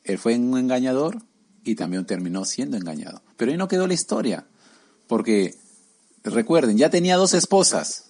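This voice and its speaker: A man's voice: mid-range voice, lively intonation, normal speed, darkish tone, husky. Conversational man preaching a Bible story. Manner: conversational, peppered with tag questions, acts out quoted voices. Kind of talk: casual sermon retelling a Bible story.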